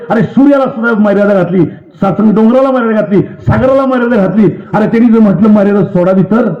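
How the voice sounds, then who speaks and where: A man preaching a devotional sermon, emphatic and insistent, with rising and falling intensity. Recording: roomy, dull low-fidelity sound.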